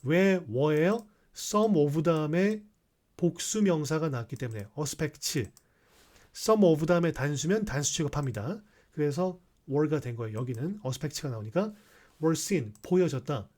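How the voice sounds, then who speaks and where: Man teaching English grammar, slightly high voice. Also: expressive, measured pace, darkish tone. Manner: explanatory, mixing Korean with English readings, frequent rhetorical checks. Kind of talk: explaining sentences in a recorded class.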